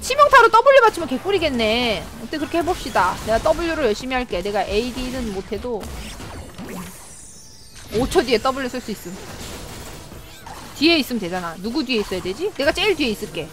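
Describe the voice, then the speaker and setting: A young woman live-streaming a game, chatting away with her viewers. Her voice sits high and swings widely in pitch, quick to jump into excited shrieks. Soft game music plays faintly behind her.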